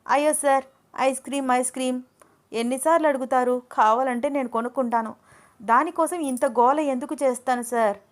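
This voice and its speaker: A woman voicing a playful, cheeky young female student who pleads and teases in quick bursts. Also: sits high, fairly even intonation, voice pushed up, lightly acted. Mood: playful pleading. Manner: pleading, teasing, talks fast.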